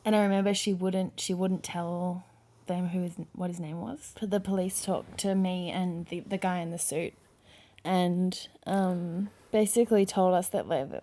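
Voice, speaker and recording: A woman's voice: fairly low pitch, steady tone, a little slow. A young woman casually recounting a personal story to her partner, hesitant, with lots of fillers and restarts. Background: soft background music.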